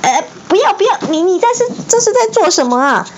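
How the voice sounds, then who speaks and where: A woman's voice: on the high side, animated, moderate pace, highs cut off, background noise, close to an everyday voice. A woman voicing a polite, nervous boy wizard who stammers and hesitates, in a bedtime storybook reading.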